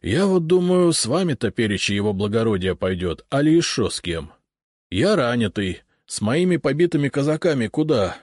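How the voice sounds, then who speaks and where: A man voicing a talkative, rustic Cossack sergeant in dialect-heavy, raised-pitch speech. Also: big pitch swings, moderate pace, darkish tone, no echo, studio quality. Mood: plaintive.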